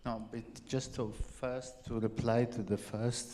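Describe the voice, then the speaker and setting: A man's voice: mid-range voice, level tone, a little slow, warm tone, big-room sound, a little hiss or hum. A middle-aged man from Syria, a journalist on a panel, speaking insistently and repeating phrases for emphasis. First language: Arabic. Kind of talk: panel discussion. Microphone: handheld microphone.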